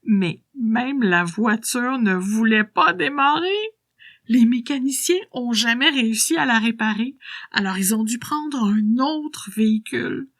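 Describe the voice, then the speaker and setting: A woman voicing an old coquettish lady in a storybook, confiding a secret in a hushed whisper. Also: on the high side, unhurried, dry recording, studio quality. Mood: gossipy whisper. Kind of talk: storybook character dialogue.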